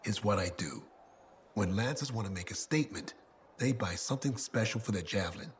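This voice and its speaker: Lightly acted and fairly quick, a lowish male voice plays a bragging weapon decal merchant, a craftsman showman hawking custom gear in a video game. He's expressive and pushy in his sales pitch, over slight background noise.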